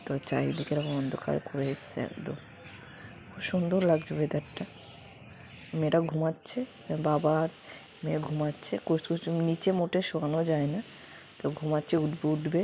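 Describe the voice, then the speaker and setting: Young woman talking real quiet in a home vlog, flat even voice, noisy background. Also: deep voice, gravelly. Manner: talks quietly and slowly, keeping her voice down. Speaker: vlogger. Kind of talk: soft-spoken home vlog narration. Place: home in a leafy rural area. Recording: noisy home recording with ambience.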